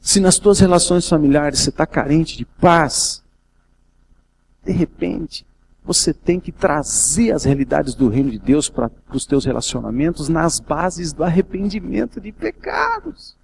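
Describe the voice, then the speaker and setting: A man's voice: a little high, unhurried, vocal fry, darkish tone, slight background noise. A man from Brazil preaching a sermon as a pastor, telling a personal story and rising to emotional intensity. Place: event hall.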